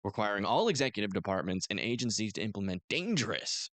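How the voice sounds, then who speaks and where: A man's voice: fairly low pitch, big pitch swings, fast, a bit bright, no echo. A man co-hosting a podcast in casual chat, joking, laughing often and stubbornly arguing his point. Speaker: podcast co-host.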